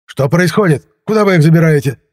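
A man voicing a hysterical middle-aged restaurant director, shrill, excited and flustered. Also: moderate pace, husky. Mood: shrill, agitated.

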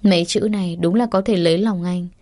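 A woman narrates a romance audiobook in a steady, even manner. Her voice is mellow and warm rather than bright. The recording is dry and close to the mic. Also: lowish voice, a little fast, dry recording. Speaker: story narrator.

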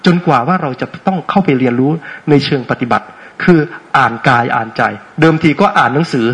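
A man with a brisk, lively, somewhat bright mid-range voice gives an interactive dharma talk as a meditation teacher. He is playful and teasing with the audience, frequently checking in with rhetorical questions.

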